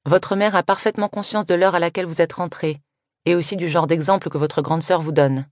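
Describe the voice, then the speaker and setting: A woman's voice: on the low side, fairly even intonation, a little fast, no echo, studio quality, pitched above the performer's own voice, close to an everyday voice. A woman reading aloud and voicing a strict mother who scolds her daughters in a clipped, reproachful way.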